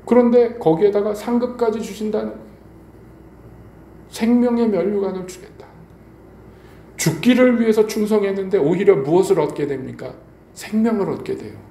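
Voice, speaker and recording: Male pastor, middle-aged, warm voice, storytelling sermon in a roomy church hall. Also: high voice, fairly quick. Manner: storytelling preacher, appeals to the congregation with rhetorical questions. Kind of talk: evening sermon. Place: church sanctuary. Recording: echoey church hall, faint background noise.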